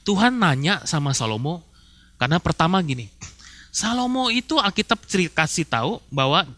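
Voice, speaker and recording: A male pastor, preaching in a very bright, high voice. He talks in casual slang and keeps asking the congregation questions. The sound is close and dry. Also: very animated, fairly quick, dry recording. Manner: casual Jakarta slang, rhetorical questions, acts out quoted spouses. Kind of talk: sermon.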